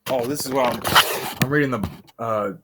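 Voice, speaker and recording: A man's voice: medium pitch, moderate pace, heavy background noise. A man in a casual, slangy, rambling vlog style, talking while burping. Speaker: video creator. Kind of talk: casual rambling vlog talk with freestyle rhyming.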